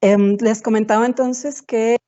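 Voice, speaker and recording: A webinar presenter speaks formally with measured pauses and a steady tone, her warm voice muffled by a computer mic on a video call. The choppy connection breaks up her words, dropping syllables in and out. The audio sounds dull and low-fidelity.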